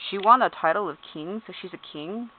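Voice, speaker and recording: This YouTuber has a medium-pitched voice and talks fairly quickly, with a little hiss or hum on the recording. At home, she laughs and swears through game character bios, spelling out names letter by letter in casual, amused commentary, and the sound is tinny and phone-like.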